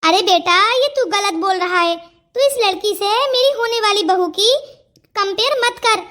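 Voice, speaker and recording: A woman's voice: extremely high pitch, a little slow, a bit bright. Woman doing a bossy scolding mother-in-law. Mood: softening. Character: stern strict older Indian mother-in-law. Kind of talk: cartoon voice acting.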